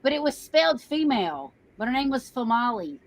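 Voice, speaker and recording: High-voiced woman telling classroom stories. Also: fairly quick, no room sound. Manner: animated storyteller, playful disbelief. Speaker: teacher, live chat co-host. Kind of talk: casual live-stream chat.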